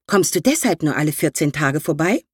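A woman's voice: sits low, very animated, a little fast, breathy edge, no room sound, studio quality, exaggerated voice. A woman voicing a feisty, stubborn old aunt who answers in snappy, indignant retorts.

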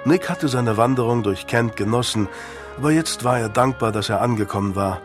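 A man reading an audiobook aloud in scripted narration, with an even storytelling delivery. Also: mid-range voice, a little fast, music in the background.

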